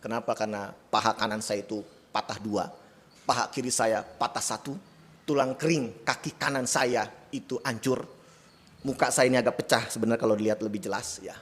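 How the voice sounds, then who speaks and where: A man's voice: mid-range voice, steady tone, a little fast, in a large hall. A male pastor preaching a sermon in a church, conversational and laced with self-deprecating humor. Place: church sanctuary.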